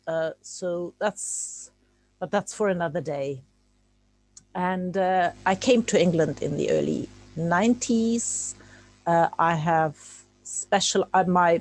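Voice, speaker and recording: Over a video call, a guest speaker from Czechoslovakia whose native tongue is Czech gives an informal talk, stumbling with fillers and frequent restarts. She has a lowish, darkish voice, and the recording is rough.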